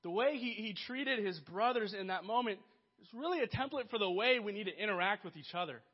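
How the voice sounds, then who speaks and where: Earnest high-voiced male preacher. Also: lively intonation, brisk, slightly rough, highs cut off. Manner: earnest, builds to emphatic peaks then drops soft. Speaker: pastor. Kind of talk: sermon.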